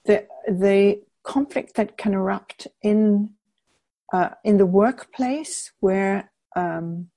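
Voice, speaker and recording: An older woman from England giving measured, thoughtful interview answers, with frequent restarts as she gathers her words. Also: medium pitch, steady tone, warm tone, dry recording. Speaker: interviewee, peace researcher.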